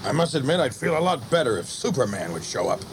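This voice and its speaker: A man's voice: mid-range voice, sing-song, background noise, lightly acted. A man doing a firm official. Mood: worried. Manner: firm, measured. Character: firm middle-aged male official.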